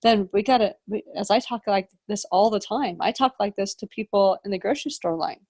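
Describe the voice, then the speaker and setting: A woman's voice: medium pitch, brisk, a little mellow, dry recording. A woman co-hosting a podcast, talking in a rambling, reflective way with frequent restarts as she searches for words. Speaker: podcast co-host. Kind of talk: casual spiritual conversation.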